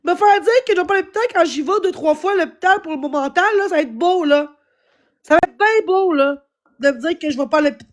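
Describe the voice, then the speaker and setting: Woman, Québécois accent, extremely high pitch, hoarse, agitated pleading live-stream rant. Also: fast. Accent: Québécois French. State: hoarse, voice worn out. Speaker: livestreamer. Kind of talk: emotional live-stream venting.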